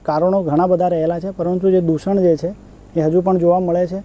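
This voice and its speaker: A man hosts a news discussion. He puts questions to his guest and the viewers in a formal, polite way. His voice is high yet very mellow and dark in tone. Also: flat delivery, brisk, rough recording. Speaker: show host.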